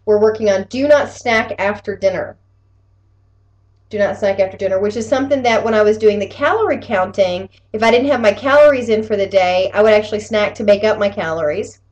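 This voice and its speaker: A woman's voice: medium pitch, a little fast. A woman chatting casually in a personal update, rambling and often rephrasing herself as she goes. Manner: rambling, conversational, self-correcting. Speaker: vlogger giving weekly health challenge update. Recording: clear steady background room noise.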